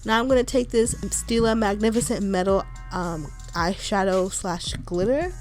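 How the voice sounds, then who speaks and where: Soft music plays behind this beauty vlogger, a young woman whose nose is stuffy from a cold. Her medium-pitched voice is a little mellow and runs at a normal speed as she walks through a makeup tutorial in a relaxed, reassuring, chatty way, often saying "like" and "kinda."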